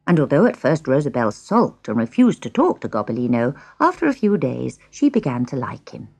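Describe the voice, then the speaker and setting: A woman narrating a children's storybook in an expressive, gently dramatic way. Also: a bass voice, a little fast, gravelly, slightly rough.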